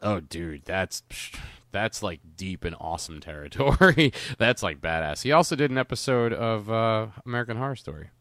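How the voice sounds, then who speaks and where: Rambling, swearing podcast host, low voice. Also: male voice, very animated, normal speed, fairly bright tone, no room sound, studio quality. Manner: enthusiastic, rambling, swears a lot. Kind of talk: casual podcast chat.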